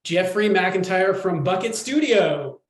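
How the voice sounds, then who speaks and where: A man co-hosting a live webinar, joking in a dry, deadpan way. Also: high-pitched, unhurried, echoey room. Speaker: guest co-host.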